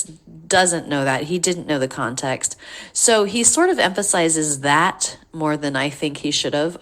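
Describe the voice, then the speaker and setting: Low-pitched lady teaching pronunciation, drawls words out slowly to show them. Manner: slow, careful repeating of words. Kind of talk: English pronunciation lesson.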